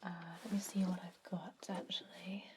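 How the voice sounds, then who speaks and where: In an ASMR roleplay, a woman whispers as a calm, businesslike vampire dentist, offering gentle, soft-spoken instructions. Her voice sits on the low side and moves at a normal pace, with a slight hiss or hum in the audio.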